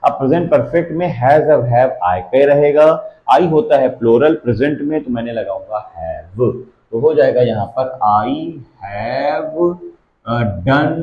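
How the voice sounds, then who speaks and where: A man teaching a grammar lesson to students, repeating and drilling example sentences step by step. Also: a little high. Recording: echoey dull-sounding room.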